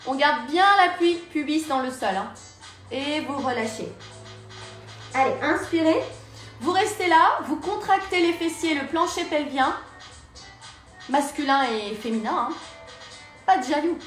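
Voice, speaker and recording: A woman's voice: high voice, expressive, a little slow, long pauses, a bit bright. A woman instructor leading a live Pilates and yoga class, cueing breaths and movements step by step. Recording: very echoey room, mic far off, music behind.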